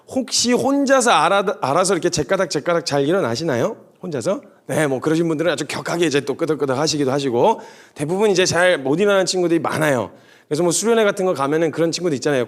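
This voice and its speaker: A man preaching a sermon to young adults, animated and storytelling with humorous asides. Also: on the high side.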